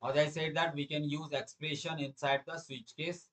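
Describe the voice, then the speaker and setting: A man's voice: on the high side, flat delivery, normal speed, a bit bright. A middle-aged man with an Indian accent teaching a live programming lesson, repeating phrases for emphasis and questioning his students. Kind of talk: live online lesson, explaining quiz questions.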